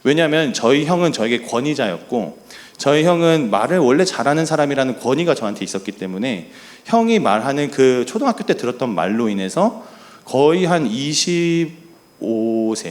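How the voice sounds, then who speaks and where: A middle-aged man preaching as a pastor, telling a personal story in an earnest way and softly acting out quoted lines. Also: medium pitch. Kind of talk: sermon.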